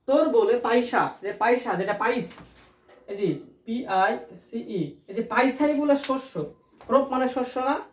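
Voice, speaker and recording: A woman's voice: on the high side, darkish tone. A woman with a Bangladeshi Bengali accent teaching an exam-prep lecture, repeating terms for students to echo and checking often whether they follow. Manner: drills terms by repetition, checks understanding often. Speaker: admission test tutor. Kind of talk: classroom-style lecture.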